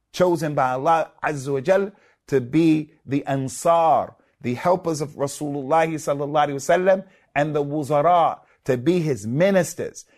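A man delivers a religious lecture, his voice sitting fairly high for a man. He speaks emphatically and stacks repeated words for stress. He weaves Arabic phrases into his English. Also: a little mellow. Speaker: Islamic preacher.

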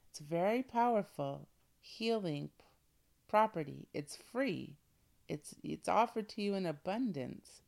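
Slow, soft-spoken woman with a creaky voice. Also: lowish voice. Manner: soothing, intimate, coaching the listener directly. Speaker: host of a wellness show. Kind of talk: guided breathing and relaxation talk.

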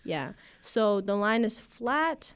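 A woman student guest telling lively anecdotes in a casual chat, filling her speech with "like". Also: mid-range voice, slow, smooth. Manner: lively anecdotes with many fillers of "like".

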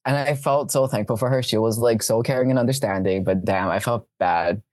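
A woman's voice: very deep voice, fairly quick, darkish tone, no room sound. A young woman hosting a casual chat, telling a work story in a rambling way, full of "like" and fillers. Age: young adult. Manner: rambling, filler-heavy with lots of "like". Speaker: host.

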